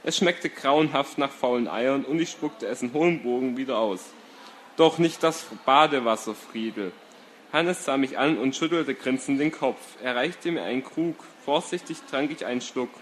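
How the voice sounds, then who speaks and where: A man reading a first-person story aloud, calm and steady with small slips. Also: mid-range voice, moderate pace, hardly any pauses, slight background noise.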